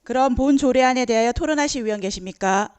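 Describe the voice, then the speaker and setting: A woman's voice: a little high, fast, darkish tone, smooth, no room sound. Woman chairing a council meeting, dry room. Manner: formal procedural phrasing. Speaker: committee chair.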